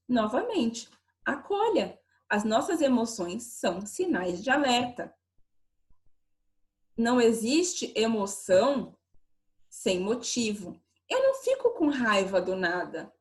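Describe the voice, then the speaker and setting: A woman giving an online lecture over a video call, explaining with many rhetorical questions. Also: fairly high pitch.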